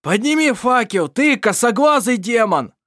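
A man voicing a frantic, desperate man who shouts and cries out. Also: very high voice, lively intonation, unhurried, dry recording, studio quality, voice pushed up, full character voice. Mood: furious. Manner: loud, desperate crying out.

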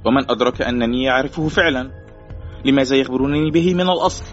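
A man's voice: medium pitch, very fast, voice pushed up, lightly acted. A man voicing a nervous, evasive German informant. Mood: defensive. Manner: defensive, evasive, rising to indignant. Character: nervous stubborn middle-aged German male informant. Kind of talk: audiobook character voice. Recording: muffled with faint music.

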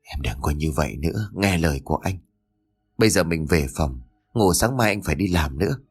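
A man voicing a stern middle-aged man with a dark secret, scolding and curt, in a spoken ghost story. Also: lowish voice, big pitch swings, brisk, faint music behind. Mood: hushed.

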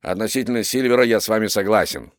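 Male reader as a pompous, indignant landowner, low voice. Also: fast, dry recording, studio quality, lightly acted.

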